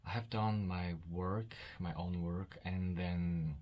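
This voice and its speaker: Low-voiced Korean man, slow casual vlogging. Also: steady tone, a little mellow. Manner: halting, simple second-language English. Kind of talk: casual vlog chat.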